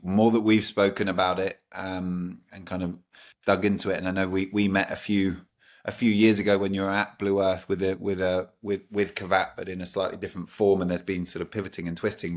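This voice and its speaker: A man hosting a podcast, asking long, enthusiastic questions full of restarts and repeated words. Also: low-pitched. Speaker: podcast host. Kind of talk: podcast interview.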